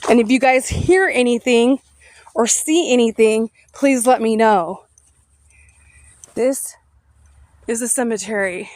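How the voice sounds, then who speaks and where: A woman's voice: a little high, slow pace, long pauses, a little mellow, no echo. A woman out of breath, chatting to viewers as she reads a sign aloud, recording outdoors at a cemetery. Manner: chatty, addresses viewers directly. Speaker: paranormal vlogger. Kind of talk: casual vlog, reading a sign aloud.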